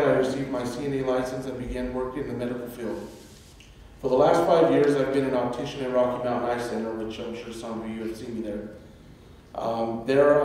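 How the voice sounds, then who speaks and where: Colorado guy reading his candidate statement, formal and steady, long hall reverb, mic far off. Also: medium pitch, slight background noise. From Trinidad, Colorado. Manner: formal, read-out delivery. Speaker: school board candidate. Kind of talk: prepared opening statement. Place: large auditorium stage at a podium. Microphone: podium mic from a far camera. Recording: echoey hall heard from far off.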